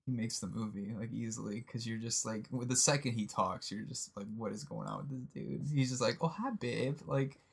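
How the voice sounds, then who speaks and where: A man's voice: fairly low pitch, fairly even intonation, brisk, creaky, few pauses, slightly rough. A man co-hosting a podcast, chatting casually in a laid-back, rambling way with lots of fillers. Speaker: podcast co-host. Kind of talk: casual chat.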